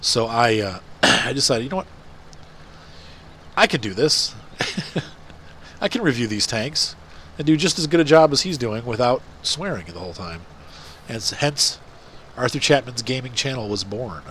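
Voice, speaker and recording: An animated, medium-pitched male voice, pushed and bright, moves at normal speed but pauses often, with a little hiss or hum in the background. He's a middle-aged gaming channel host with a congested nose, rambling chattily with fillers while playing a farming game.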